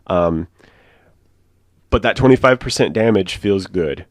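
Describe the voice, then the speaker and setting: A man's voice: low voice, animated, measured pace, dry recording, studio quality. A man co-hosting a casual podcast, rambling and thinking aloud in long run-on thoughts. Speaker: podcast co-host.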